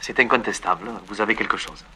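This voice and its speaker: A man's voice: on the low side, quick pace, sharp tone, slight background noise. A young man with a Provençal accent, dryly skeptical in a comic sketch. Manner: dry, skeptical teasing.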